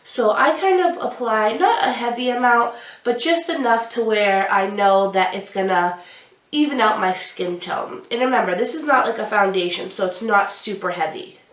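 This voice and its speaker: A stuffy-nosed young vlogger, voice on the high side and a bit bright, chats at a moderate pace through a makeup tutorial, describing each step as she applies products. The audio is roomy, captured somewhat far from the mic in a small room with a glittery backdrop.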